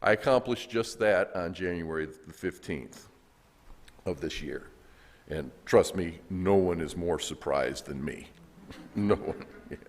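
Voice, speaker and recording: A man's voice: low voice, unhurried. A man with a Southern American accent preaching as a guest pastor, folksy and joking with the congregation. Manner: folksy, animated, jokes with the congregation. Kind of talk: sermon with humor and audience call-and-response. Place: church sanctuary. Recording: echoey church hall.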